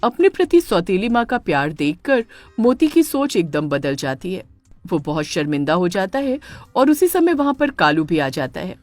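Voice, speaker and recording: A woman narrates a children's cartoon story with a lively, varied pitch. Her delivery is expressive and scripted, and the recording is close and dry. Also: normal speed, no echo, soft background music.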